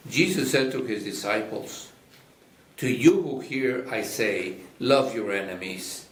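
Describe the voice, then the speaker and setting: Slow man reading, cathedral echo. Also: lowish voice, lively intonation, a little hiss or hum. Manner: measured, solemn proclamation. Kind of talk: slow liturgical gospel reading. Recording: echoey church sound.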